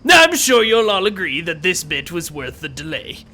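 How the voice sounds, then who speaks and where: A man's voice: on the high side, sing-song, normal speed, pushed and bright, a little hiss or hum. A man hosting a game playthrough while putting on a pompous, gloating male villain who is a demon-pact scientist, talking theatrically and sarcastically and stretching out dramatic words. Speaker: let's play host. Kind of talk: villain-persona game commentary.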